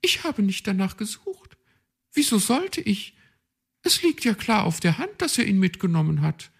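A man's voice: wildly swooping pitch, unhurried, vocal fry, slightly rough, full character voice. A man voicing a proud, bossy female magpie detective in a storybook read-aloud, know-it-all and dismissive. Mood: haughty. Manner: shrill, know-it-all, brushes off objections.

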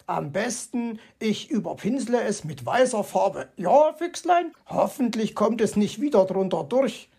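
A woman reading a children's audiobook, voicing a grumpy, vain male fox who grumbles and flares up quickly. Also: medium pitch, expressive, creaky, warm tone, breathy edge, full character voice. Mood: outraged. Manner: grumbling, easily outraged.

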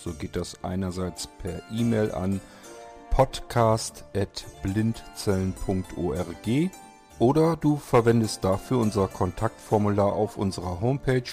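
Low-voiced man reading a podcast outro. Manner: steady, spells out addresses slowly. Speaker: podcast announcer. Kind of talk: scripted outro.

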